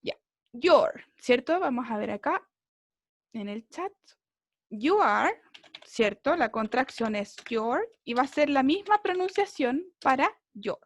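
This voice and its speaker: A woman English teacher with a high, animated voice explains a lesson over a video call, speaking a little slowly. She is patient and keeps checking that her students follow by using tag questions.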